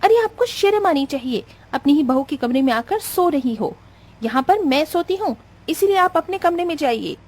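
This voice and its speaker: A woman voicing a selfish, spoiled rich young wife who talks in a shrill, demanding way in a cartoon. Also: lively intonation, moderate pace, a little mellow. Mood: angry.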